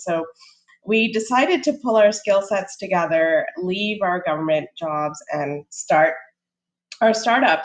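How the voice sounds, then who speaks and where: A woman's voice: medium pitch, low-quality recording. Friendly woman panelist on a video call. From Sri Lanka. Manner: friendly, many ums, laughs lightly. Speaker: panelist, startup co-founder. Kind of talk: casual panel talk.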